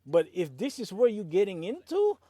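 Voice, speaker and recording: Excitable man, trucker vlog, fairly high voice, dry close sound, animated commentary. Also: moderate pace, no echo. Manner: animated, excitable, peppers talk with "man" and chuckles. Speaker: owner-operator truck driver. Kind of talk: casual vlog commentary on auction prices.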